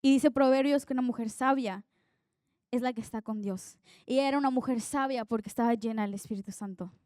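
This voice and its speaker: A young woman preaches an earnest sermon in a conversational way, telling stories from her own life. Her voice sits fairly high and sounds mellow and smooth. The sound is dry and close, with little room echo. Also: brisk.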